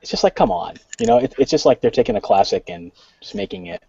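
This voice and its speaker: A man's voice: medium pitch, sing-song, fast, gravelly, warm tone, dull audio, a little hiss or hum. A man co-hosting a casual podcast chat who often repeats words as he gets going. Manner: repeats words as he starts, reads a bio aloud. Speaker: podcast co-host.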